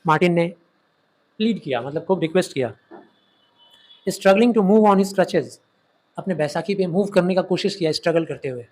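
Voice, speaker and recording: Man teaching a story, fairly high voice. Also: darkish tone. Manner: retells the story with quick acted quotes, asks and answers his own questions. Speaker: English literature teacher. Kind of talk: explaining a story to students.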